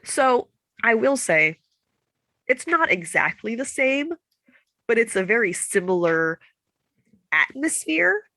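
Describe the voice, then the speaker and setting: A woman with a lively, widely swinging voice talks casually about books. She sounds stuffed up, as if breathing only through her mouth, yet stays playful and laughs easily. The sound is dry, with no room around it. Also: fairly high pitch, slow pace, pauses often, dry recording, rough recording. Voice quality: congested, stuffy blocked-nose voice. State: nasally congested, unable to breathe through nose. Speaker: book podcast co-host. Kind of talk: casual chat.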